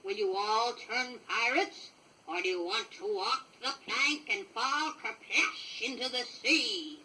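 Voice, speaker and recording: A woman's voice: on the high side, bright, forceful tone, distant mic. Lady doing a scheming evil pirate captain for a kids record, stretches words out all threatening, old noisy 60s vinyl. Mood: gloating menace. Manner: drawn-out, theatrical threatening. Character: wicked male pirate captain, scheming, menacing, grandly threatening.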